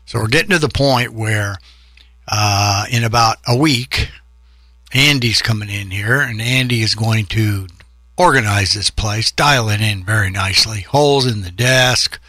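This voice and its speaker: A man's voice: fairly low pitch, a little slow, bright, forceful tone, no room sound, clean studio sound. A man hosting a home music podcast, talking in a loose, chatty, upbeat way. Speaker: podcast host. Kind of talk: casual rambling show talk.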